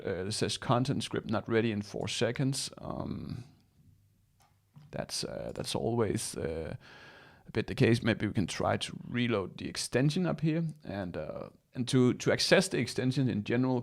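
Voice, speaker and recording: Gravelly-voiced man. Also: mid-range voice. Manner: casual, halting with many fillers. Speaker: host of live software tutorial. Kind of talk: live screen-share walkthrough. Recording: voice sounds robotic and echoey at times.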